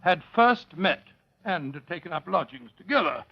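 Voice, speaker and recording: Creaky, high-voiced genial Doctor Watson. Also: male voice, lively intonation, moderate pace. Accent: English. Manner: avuncular, courteous, old-fashioned phrasing. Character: Doctor Watson, genial older English gentleman storyteller. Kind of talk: 1940s radio drama acting and storytelling. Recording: muffled vintage radio recording.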